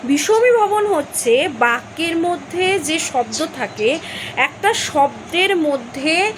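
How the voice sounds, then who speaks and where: Woman, teacher, slow deliberate explaining, pauses and checks in, faint hiss behind. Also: high voice, animated. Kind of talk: grammar lesson.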